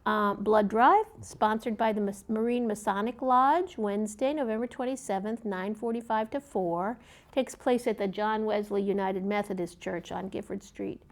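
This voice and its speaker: A woman co-hosting and reading community event announcements in a conversational, slightly halting way. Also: medium pitch. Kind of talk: conversational announcements, read from notes.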